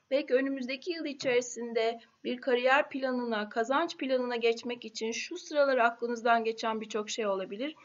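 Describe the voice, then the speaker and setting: A woman astrologer giving a horoscope talk, unhurried and halting with drawn-out filler sounds, her voice a little hoarse after being ill. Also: a little high. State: voice slightly hoarse after illness. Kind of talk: monthly horoscope talk to camera. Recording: dull lo-fi recording.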